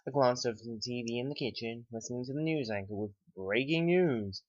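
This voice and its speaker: A man narrating a first-person horror story in a calm, unhurried way. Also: mid-range voice, dry recording. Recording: dry, slightly dull lo-fi home recording.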